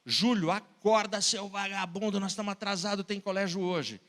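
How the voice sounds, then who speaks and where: A man's voice: fairly high pitch, expressive, moderate pace. A preacher voicing a stern, scolding father. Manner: scolding and shouting. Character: stern angry father waking his family. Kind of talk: sermon storytelling.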